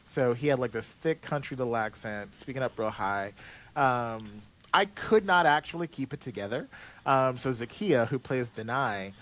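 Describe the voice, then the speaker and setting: A man's voice: medium pitch, lively intonation, moderate pace, fairly bright tone. A man who writes and voices an audio drama, talking in a casual podcast chat, rambling with many fillers and restarts.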